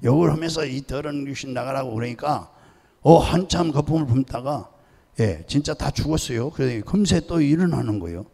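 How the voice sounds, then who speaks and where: A man's voice: a little high, lively intonation, normal speed, gravelly, long reverb tail. An older man, a pastor emeritus, preaching a sermon and telling stories, acting out the voices of people in them. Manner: storytelling, acting out pleading and shouting voices. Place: church sanctuary.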